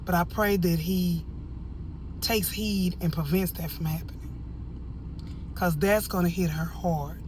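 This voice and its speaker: An American woman giving casual, opinionated video commentary in an animated, emphatic way, drifting into rambling asides. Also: fairly low pitch, a little slow, long pauses, a little hiss or hum. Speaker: online reviewer and host.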